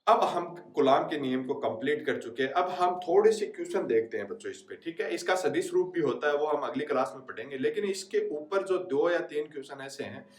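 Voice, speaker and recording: A man's voice: on the high side, animated, a little fast, few pauses, distant mic. A male physics teacher gives a classroom lecture with a Hindi accent. He keeps asking questions and answering them himself. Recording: roomy echo, voice away from the mic.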